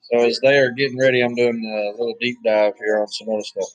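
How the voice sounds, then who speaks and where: A hoarse man, giving laid-back, chatty play-by-play commentary on a wrestling match, with offhand asides. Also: mid-range voice, fairly even intonation, quick pace, no echo, low-quality recording. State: hoarse, losing his voice. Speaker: wrestling watch-along commentator.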